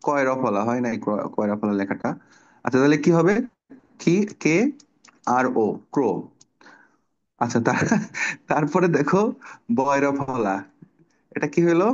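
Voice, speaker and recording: A man's voice: mid-range voice, lively intonation, moderate pace, long pauses, lo-fi sound. A man teaching an online children's class, patiently explaining pronunciation step by step and asking the pupils questions. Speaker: Bangla teacher.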